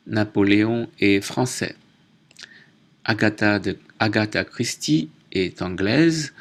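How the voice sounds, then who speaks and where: Slow, deliberate male French teacher. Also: on the low side. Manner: deliberate, spells out and repeats words; self-corrects mid-list. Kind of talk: slow, careful language lesson.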